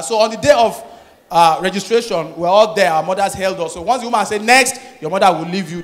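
A man with a Nigerian accent performing a stand-up comedy set, telling stories with lively acted voices. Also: high voice. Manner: animated storytelling, switching into Nigerian Pidgin and acted child voices. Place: live comedy stage with audience.

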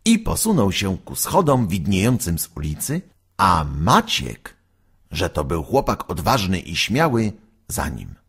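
A man with a husky voice narrating a storybook slowly and expressively. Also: deep voice. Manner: slow, expressive reading.

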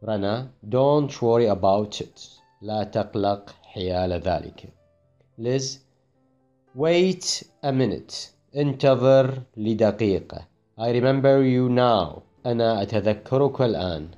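Man, English teacher, very slow, relaxed mellow voice, careful explanations. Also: medium pitch, dull audio, soft background music. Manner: explains in Arabic, reads English phrases slowly and carefully. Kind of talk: classroom grammar explanation.

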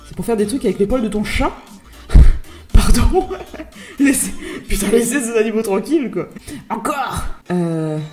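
A woman YouTuber giving casual, excitable reaction commentary, swearing and laughing often. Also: on the high side, a little slow, pauses often, echoey room, background noise. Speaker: YouTuber host.

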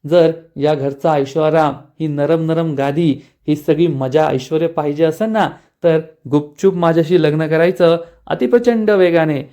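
Man voicing a brash pushy young suitor, boastful, bullying, higher pitch. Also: measured pace, hardly any pauses, mellow.

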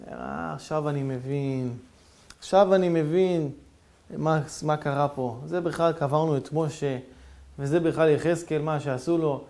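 A man voicing a wise old town rabbi who speaks slowly and solemnly. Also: on the high side, creaky, darkish tone. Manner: slow, measured, solemn.

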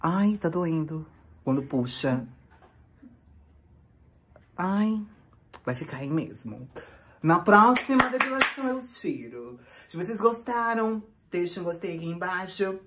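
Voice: mid-range voice, animated, takes it slowly, long pauses, background noise. A performer playing a vain, theatrical woman vlogger in a comic sketch, fussing and chatting straight to the viewers. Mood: chatty. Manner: theatrical, fussy, talks to viewers as babies. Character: vain dramatic woman vlogger waxing her nose.

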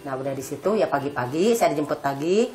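A woman in her fifties speaks in a fairly low voice and tells her story haltingly, clearly shaken. She is interviewed at home with soft music playing underneath. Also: expressive. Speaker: mother of the deceased, interviewee. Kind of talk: emotional interview. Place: at the family home.

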